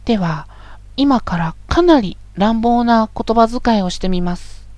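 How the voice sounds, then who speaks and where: A woman instructor talks through a voice lesson in a calm, polite, measured way. Her voice sits fairly high and is recorded dry and close, with no room sound. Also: no echo. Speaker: voice training instructor. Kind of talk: scripted voice lesson narration.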